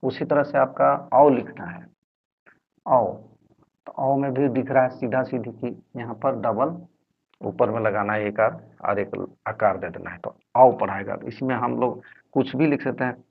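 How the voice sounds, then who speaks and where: A man from Jharkhand with a Jharkhand Hindi accent, teaching Hindi letters slowly and repetitively, sounding out each syllable, on a dull lo-fi recording. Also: mid-range voice, creaky, slightly rough. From Jharkhand, India. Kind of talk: explaining Hindi letters at a board.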